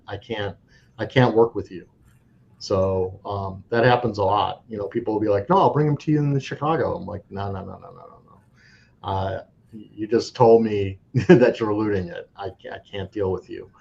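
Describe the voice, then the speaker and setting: Gravelly, darkish, and fairly low in pitch, this coin dealer's voice moves at normal speed during his casual interview. He speaks frankly but rambles, repeatedly restarting sentences, and the audio is dull and lo-fi with faint noise.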